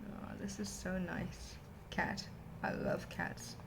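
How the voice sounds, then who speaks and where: A woman with a lowish voice gushes to camera at her desk. She rambles happily in a casual vlog chat. Faint hiss sits under her words. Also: huge pitch swings, slow pace, gravelly. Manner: gushing, rambling and enthusiastic. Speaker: vlogger unboxing a stationery haul.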